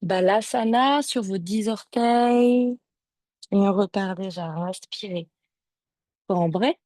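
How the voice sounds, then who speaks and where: A woman yoga teacher giving calm step-by-step cues and breath counts to a class over a video call. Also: mid-range voice, slow, dry recording. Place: home or studio, streamed on a video call. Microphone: video call microphone.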